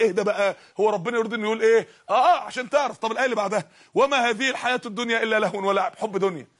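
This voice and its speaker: A man's voice: high-pitched, fairly bright tone. A man with an Egyptian Arabic accent giving an impassioned Islamic sermon, repeatedly exhorting his listeners. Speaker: preacher.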